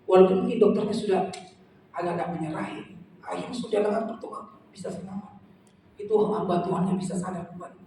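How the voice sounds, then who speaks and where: A man's voice: high voice, quick pace, far from the mic, slight background noise. A man preaching a sermon, telling stories and acting out conversations. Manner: storytelling, animated, quoting dialogue. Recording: echoey hall, picked up from afar.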